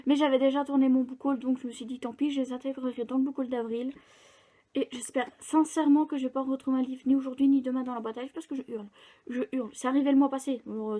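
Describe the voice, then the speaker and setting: A woman's voice: high voice, dark tone. A young woman chatting casually in a book vlog, rambling with fillers and restarts. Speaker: book vlogger. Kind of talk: casual chat.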